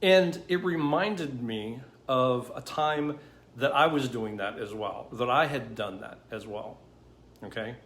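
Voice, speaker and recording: A man's voice: medium pitch, takes it slowly, a bit bright. A man hosting a storytime monologue, talking conversationally and repeating himself with lots of "you know" and "okay?". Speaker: host. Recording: roomy with faint background noise.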